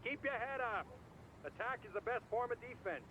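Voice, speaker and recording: A man's voice: very high-pitched, animated, moderate pace, noisy background. A man playing a frank, encouraging lawyer in a video game, persuasive and a little chiding. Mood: frank, urging. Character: frank, encouraging male lawyer advising his client.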